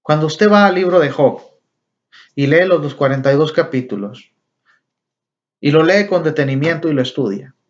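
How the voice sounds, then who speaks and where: A man's voice: a little high, expressive, moderate pace, pauses often. A man teaching a Bible lesson, often calling his listeners brothers and asking them rhetorical questions. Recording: dull lo-fi recording.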